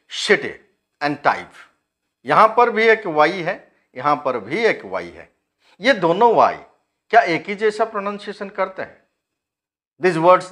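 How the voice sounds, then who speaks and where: A man's voice: a little high, fairly bright tone. A man with an Indian accent teaching a phonetics lesson, explaining step by step and quizzing his learners. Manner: explains step by step, asks the class questions and answers them; switches between two languages, reads English text slowly.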